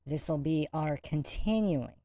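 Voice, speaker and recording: A woman's voice: low voice, a little slow, dark tone. A woman hosting a livestream exposé podcast, reading out and commenting with smug sarcasm. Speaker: podcast host.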